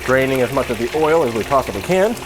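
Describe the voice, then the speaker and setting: A man's voice: mid-range voice, lively intonation, quick pace. A tipsy man hosting a casual cooking tutorial in a loose, jokey way, with mock-formal wording and wry asides. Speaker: cooking video host. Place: home kitchen. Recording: sizzling pan and kitchen noise. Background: frying sizzle.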